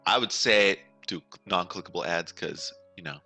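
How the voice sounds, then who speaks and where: A young man in his twenties with a very deep voice co-hosts a relaxed podcast. His tone is strikingly bright and sharp, and he chats loosely, acting out his own reactions, over faint music. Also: normal speed. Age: 20s. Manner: casual, quotes his own thoughts aloud. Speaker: podcast co-host. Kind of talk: casual chat.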